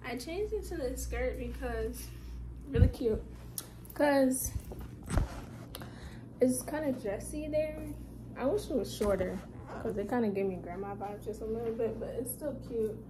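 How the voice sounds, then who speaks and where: A young woman talks straight into her phone camera, rambling and chatty, and keeps circling back with fillers. The recording is rough, with clear background noise under her voice. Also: a little high, normal speed. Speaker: vlogger. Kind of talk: casual vlog chat.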